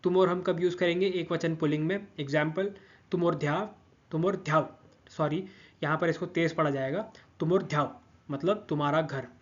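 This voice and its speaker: A man's voice: on the high side, steady tone, a little fast, lo-fi sound. A man giving a patient grammar lesson, repeating each word form and checking in with listeners often. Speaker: language teacher.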